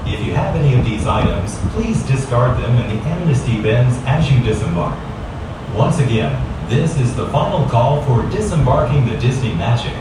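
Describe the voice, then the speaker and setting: A man making a formal final-call announcement over a cruise ship's intercom, speaking in a measured, clearly enunciated way. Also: medium pitch, noisy background. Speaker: ship announcer. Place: aboard a cruise ship, heard through a loudspeaker. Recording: echoey loudspeaker heard from far off.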